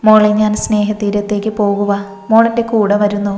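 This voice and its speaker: A woman narrator voicing a gentle, motherly nun who soothes a frightened girl in a soft, reassuring way, over reverb and background music. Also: mid-range voice, flat delivery, moderate pace, lightly acted. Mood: pleading.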